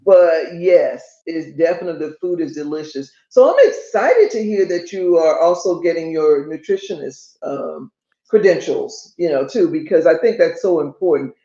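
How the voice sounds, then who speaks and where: A woman's voice: sits low, lively intonation, moderate pace, dark tone. An older woman hosting a podcast, chatty and enthusiastic, repeating her points for emphasis. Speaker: podcast host. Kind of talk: casual interview chat. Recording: roomy, dull lo-fi sound.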